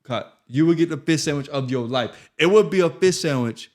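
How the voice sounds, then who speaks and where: A middle-aged American man co-hosting a podcast in casual chat, telling animated stories and acting out quotes. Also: moderate pace. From United States. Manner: animated storyteller, acts out quotes in a high voice. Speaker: podcast co-host.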